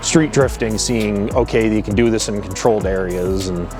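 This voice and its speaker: A man's voice: lowish voice, moderate pace, music in the background. A man organizing a car show, speaking casually and upbeat in an interview, with fillers and repeated words.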